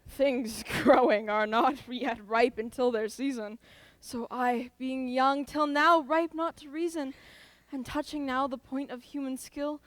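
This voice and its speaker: A woman playing the young lover Lysander in a school stage play, with wide sweeps of pitch and laughter breaking into her lines. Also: steady tone, a little slow, no room sound. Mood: teasing. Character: young male lover Lysander, ardent and playful.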